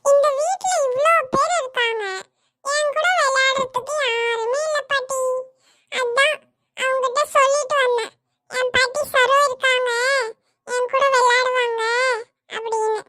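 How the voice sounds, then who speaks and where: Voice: very high-pitched, level tone, normal speed, bright, forceful tone, no room sound, clean studio sound. A performer voicing a whiny, sulky young boy in a family comedy cartoon, complaining tearfully that nobody will play with him. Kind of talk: family comedy skit dialogue.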